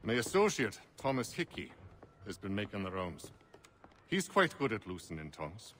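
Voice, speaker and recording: A measured, courteous colonial gentleman in a video game. His voice is lowish. The game audio has a long reverb and clear noise underneath. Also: very animated.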